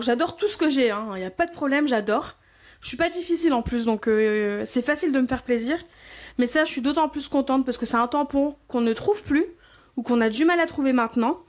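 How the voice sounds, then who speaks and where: A woman hosting a scrapbooking channel, chatting casually and enthusiastically as she unboxes and admires craft supplies. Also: high voice. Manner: gushing, enthusiastic, repeats her delight.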